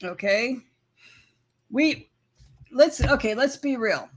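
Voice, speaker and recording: A woman's voice: on the high side, expressive, slow. Chatty, giggly woman hosting a livestream. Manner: giggly, chatty, laughs often. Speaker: livestream co-host. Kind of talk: casual livestream chat. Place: van.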